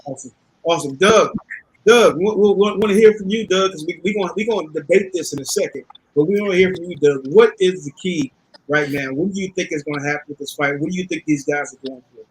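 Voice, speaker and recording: High-voiced, husky man hosting. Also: fast, poor audio. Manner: informal, repeats phrases for emphasis. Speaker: host. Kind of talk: casual boxing panel chat.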